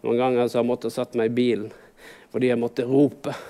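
A man's voice: mid-range voice, little pitch movement, warm tone. A man preaching a sermon in a conversational way, with many rhetorical questions and rises for emphasis.

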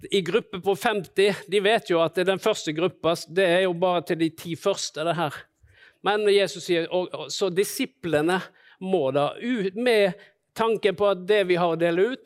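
A man preaching a sermon, retelling stories and acting out the people in them. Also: sits high. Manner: storytelling, acting out the disciples and Jesus in quotes.

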